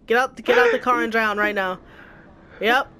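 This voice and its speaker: A woman streaming an online game, talking in loud, dramatic outbursts and swearing a lot. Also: fairly high pitch, fairly even intonation, normal speed, a little hiss or hum. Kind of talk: casual gaming commentary. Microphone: headset or desk mic.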